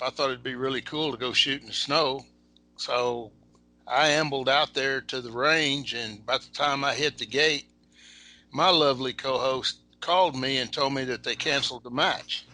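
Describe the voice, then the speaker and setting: Male co-host, very bright, sharp voice, laid-back storyteller. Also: medium pitch. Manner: easygoing storyteller, dry humor. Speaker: podcast co-host. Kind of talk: casual podcast chat.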